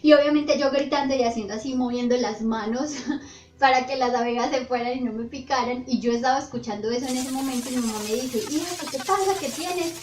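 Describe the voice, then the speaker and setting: A young woman vlogger telling her own paranormal stories in an animated, breathless way. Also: a little high, a little fast, a little hiss or hum. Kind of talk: storytime narration. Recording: roomy, slightly dull, faint music. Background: faint background music.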